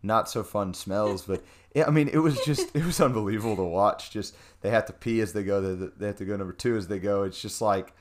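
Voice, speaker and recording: Young guy w a really low voice, chatty and animated, lots of um and like. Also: fairly quick. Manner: animated storyteller, many fillers and restarts. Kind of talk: casual chat.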